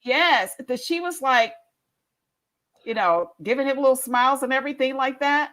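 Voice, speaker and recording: A woman with a slightly higher voice chats playfully on a podcast panel, teasing the others. Her delivery is loose and casual. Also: normal speed, pushed and bright. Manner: playful, teasing, says y'all.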